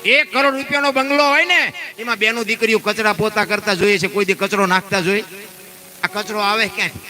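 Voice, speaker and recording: Lively high-voiced storyteller. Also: male voice, a little fast, faint music behind. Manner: lively, emphatic, preacherly, acts out quoted people. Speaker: dayro folk storyteller. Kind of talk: folk storytelling and moral talk before an audience.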